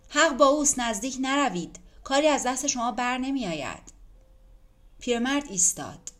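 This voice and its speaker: A woman narrating an audiobook in a measured, dramatic manner. Her voice sits in a medium range. Faint background music plays throughout. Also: mid-range voice, a bit bright.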